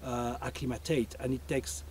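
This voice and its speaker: A man's voice: medium pitch, level tone, normal speed. A man explaining in an unscripted interview as a conservation worker. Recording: faint ambient background noise.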